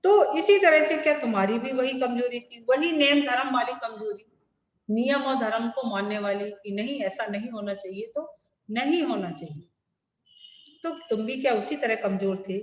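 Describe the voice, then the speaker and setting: A woman's voice: fairly high pitch, moderate pace. A woman teacher explaining a Hindi lesson over a video call, asking rhetorical questions and restating each point. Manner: rhetorical, repeats and rephrases lines while explaining. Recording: echoey room with long reverb.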